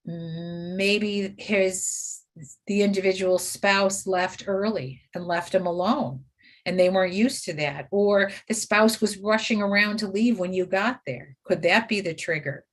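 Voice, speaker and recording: A woman's voice: medium pitch, a little slow. A woman teaching caregivers in a training webinar, steadily listing do's and don'ts.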